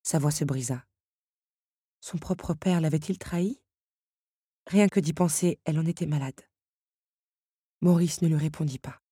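A woman narrating a story in an expressive storytelling manner. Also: sits low, measured pace, long pauses, breathy edge, dry recording, studio quality. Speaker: audiobook narrator. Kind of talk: scripted narration.

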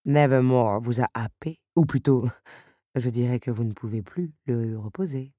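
A woman reading aloud voices a cold, scheming noblewoman who speaks in a measured, ironic and cutting way. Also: very deep voice, warm tone, no echo, studio quality, pitched below the performer's own voice.

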